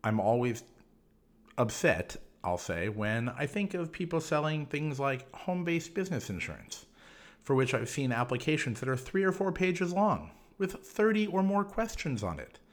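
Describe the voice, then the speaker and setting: A man hosting a solo explanatory podcast, talking in a measured, instructive way. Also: fairly high pitch, very animated. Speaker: podcast host.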